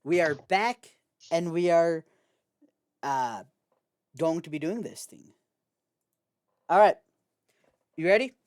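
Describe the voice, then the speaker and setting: A man's voice: fairly high pitch, expressive, slow, pauses often, darkish tone, clean tone, no echo, studio quality. Rambling man hosting a gaming chat. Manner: loose and rambling, many restarts. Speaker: host.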